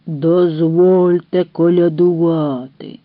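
A woman voicing a greedy, threatening male wolf from a folk tale, chanting his demands slowly and drawn out. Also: lowish voice, steady tone, no echo, pitched below the performer's own voice. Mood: menacing. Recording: dull dry recording.

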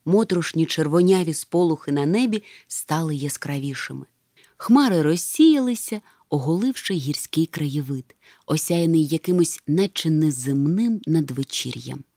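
Lady reading a kids story, very lively pitch, dry close mic. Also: normal speed, no echo. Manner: expressive, animated. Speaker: narrator. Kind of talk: audiobook narration.

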